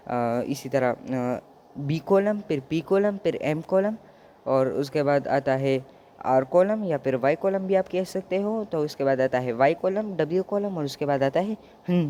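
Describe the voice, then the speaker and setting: A teacher explaining Japanese kana in Hindi mixed with English words, pausing often and sounding out each syllable slowly in drills. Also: medium pitch, warm tone, slight background noise. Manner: frequent hesitations and self-corrections. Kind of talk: screen-share language tutorial.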